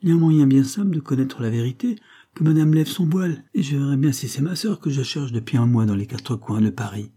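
A man voicing an excitable male poet-policeman disguised as an old painter, shouting theatrical accusations. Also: medium pitch, a little fast, husky, voice pushed up, lightly acted. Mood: insistent. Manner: loud, indignant, theatrical outbursts.

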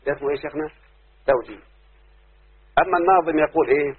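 A man's voice: on the high side, racing, slightly rough. A man with an Egyptian accent teaching a classroom lesson as a sheikh, stopping often to quiz his students. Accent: Egyptian Arabic. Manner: keeps quizzing students with repeated questions. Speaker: sheikh teaching Arabic rhyme. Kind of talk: classroom lecture. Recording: very tinny lo-fi recording.

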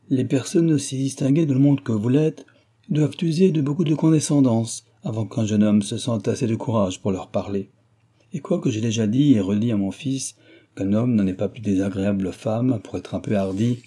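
A man's voice: medium pitch, dark tone, breathy edge, voice pushed up, lightly acted. A man voicing a chattering, pushy middle-aged mother in an audiobook, talking in a gushing, overfamiliar, insistent way.

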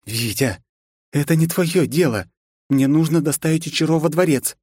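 A man voicing a shrill, cold-hearted huntress. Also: moderate pace, a little mellow, breathy edge, no echo, clean studio sound. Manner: cold then shrieking, abusive. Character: fierce adult woman hunter, volatile wife.

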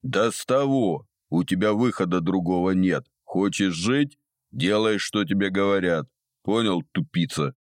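A man voicing a gruff, mocking old male gnome jailer who scolds in a slow, drawn-out, sarcastic way. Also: low voice, dry recording, clean studio sound. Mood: stern.

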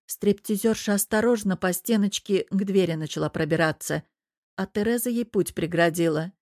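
A woman reading a story aloud in a steady, even manner as an audiobook narrator. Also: medium pitch, normal speed, no room sound, clean studio sound. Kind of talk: scripted narration.

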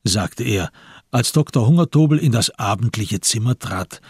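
For a radio crime drama, a man narrates scripted literary text in a measured way, his low, very husky voice recorded close and dry with no echo. His delivery is animated, with a darkish tone.

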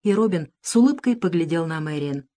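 A woman narrating an adventure storybook in a steady, measured way. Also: on the low side.

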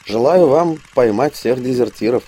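A man's voice: medium pitch, lively intonation, normal speed, warm tone, slight background noise, lightly acted. A man voicing a nonchalant, mocking young male sergeant in a storybook reading, with a sly, offhand manner.

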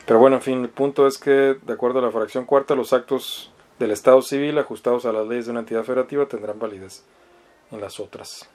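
Fast and fairly even in intonation, this mid-range, slightly mellow voice belongs to a law professor from Mexicali, Baja California, with a northern Mexican accent. He delivers an explanatory lecture, reading articles aloud and commenting didactically but hesitantly, with small questioning tags seeking agreement.

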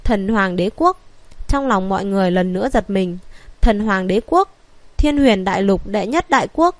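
A woman narrating a fantasy audiobook in an even, steady reading. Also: medium pitch, normal speed, no room sound. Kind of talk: scripted narration.

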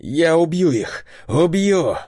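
A man's voice: mid-range voice, normal speed, no echo, clean studio sound, pitched above the performer's own voice, close to an everyday voice. A man doing a roaring, enraged young fighter. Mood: raging. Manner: roaring, shouting, desperate. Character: enraged wounded young man, fierce protector.

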